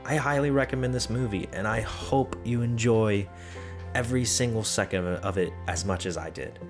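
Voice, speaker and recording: A man's voice: fairly low pitch, normal speed, over music. A young man hosting his own channel, chatting casually and gushing with enthusiasm. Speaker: channel host. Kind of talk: casual movie review vlog.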